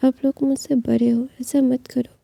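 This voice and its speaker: A woman voicing a humble, weak young man in a husky whispered role-play. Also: sits high, little pitch movement, normal speed, dark tone, no echo, full character voice. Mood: pleading.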